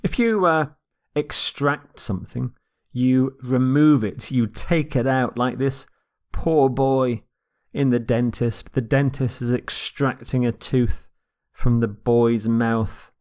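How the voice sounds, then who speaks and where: Man, vocabulary lesson, very slow delivery, mid pitch, repeats words for pronunciation. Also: smooth. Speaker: English vocabulary teacher. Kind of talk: recorded vocabulary lecture.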